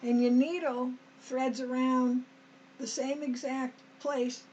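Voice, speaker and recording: A woman's voice: sits high, little pitch movement, slow pace, darkish tone, highs cut off, a little hiss or hum. A woman hosting a sewing tutorial, chatting homely to viewers as she works step by step, her throat a little dry. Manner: homey, talks to viewers as "us", frequent okays and restarts. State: slightly dry throat, clearing it.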